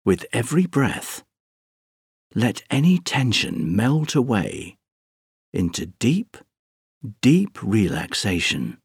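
A man with a fairly low, breathy voice leads a guided relaxation for sleep. He speaks softly and very slowly, leaving long pauses between gentle, soothing instructions. The recording is close and dry. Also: big pitch swings, no room sound. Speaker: guided meditation narrator. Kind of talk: guided sleep relaxation meditation, scripted narration.

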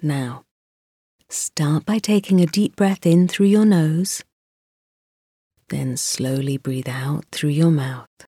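A woman guiding a sleep meditation, speaking softly and soothingly and often dropping into a whisper. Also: deep voice, slightly rough, no echo, studio quality. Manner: slow, soft, soothing, drifting into whispers. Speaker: meditation guide.

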